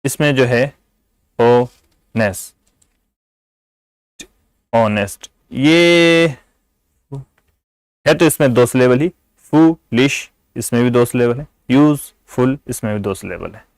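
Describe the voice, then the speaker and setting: A man giving an English grammar lesson, explaining patiently in Urdu-flavoured Hindi and repeating example words slowly. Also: mid-range voice, dry recording, rough recording. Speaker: English teacher.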